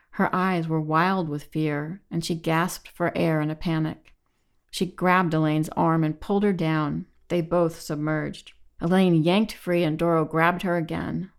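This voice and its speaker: A woman reading a novel aloud in measured, even audiobook narration. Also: deep voice.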